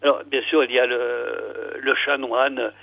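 A man's voice: medium pitch, level tone, unhurried, gravelly, dry recording. An older man hosting a radio show and reading a book aloud, hesitating often with fillers. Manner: hesitant, full of "alors" and "euh". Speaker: radio host. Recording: tinny phone-like radio sound, dry.

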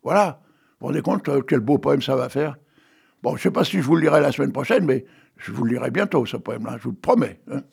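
A man's voice: mid-range voice, animated, quick pace, gravelly, a little mellow, husky. A man in his eighties, a radio host who reads poetry and chats with his listeners, full of joking asides and tag questions. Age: 80s. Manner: chatty, joking asides to listeners, many "hein". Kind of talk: casual chat and poetry reading. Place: radio studio with a technician.

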